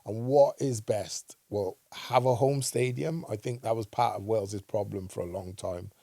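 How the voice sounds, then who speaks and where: Ex-player co-host, gravelly low-ish voice, keeps saying right?, dry sound. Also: male voice, moderate pace, dark tone, no echo. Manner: emphatic, asks "right?" often. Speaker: co-host, former footballer. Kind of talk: casual football chat.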